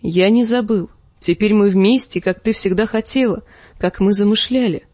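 A woman voicing a calm, scheming middle-aged lord who speaks slowly and soothingly. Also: medium pitch, dry recording, close to an everyday voice. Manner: slow, measured, soothing.

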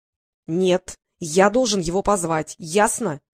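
A woman's voice: on the low side, slow pace, husky. Stern older brother in a storybook, curt and bossy, read by a woman. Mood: firm. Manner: curt, commanding, scolding in whispers.

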